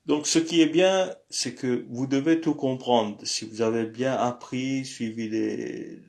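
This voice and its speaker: Guy teaching a lesson really slowly, lots of pauses and ums, mid pitch. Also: a little mellow. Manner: slow and hesitant, many pauses and "euh". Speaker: language teacher. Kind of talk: screen-recorded lesson.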